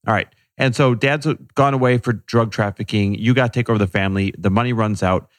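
A man's voice: lowish voice, steady tone, a little fast, no echo. A man hosting a casual interview, informally recapping and prompting his guest with questions. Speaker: interview host.

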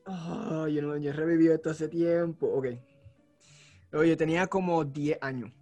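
A man telling a personal story in a casual podcast chat, animated and acting out the moments. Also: a little high, normal speed, faint music behind. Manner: animated storyteller, acts out shouts. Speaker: podcast co-host.

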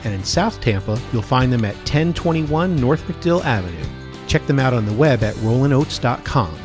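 A man's voice: mid-range voice, animated, moderate pace, over music. A man co-hosting a food podcast, introducing guests and segments in an upbeat casual way. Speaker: podcast co-host.

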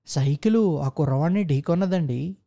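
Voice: mid-range voice, moderate pace, gravelly, warm tone, close to an everyday voice. A narrator playing a humble, crafty male office clerk who explains himself politely to his boss. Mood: deferential. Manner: deferential, polite.

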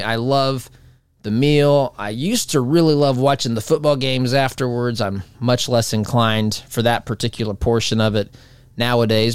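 A man's voice: medium pitch, smooth, no echo. A man in his forties, hosting a talk show, speaking in a rambling, conversational way with frequent restarts. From United States. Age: 40s. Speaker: radio talk show host. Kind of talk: casual monologue.

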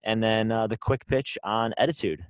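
Male host, fairly low voice, dry close mic, cheerful questions. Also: steady tone, moderate pace, clean tone, no echo. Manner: upbeat, keeps saying awesome. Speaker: interview host. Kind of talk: interview questions.

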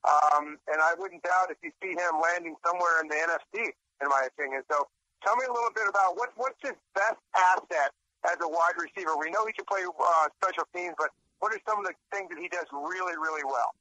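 A man co-hosting sports radio, giving measured, opinionated takes. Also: fairly high pitch, pushed and bright, dry recording, rough recording. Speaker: radio co-host.

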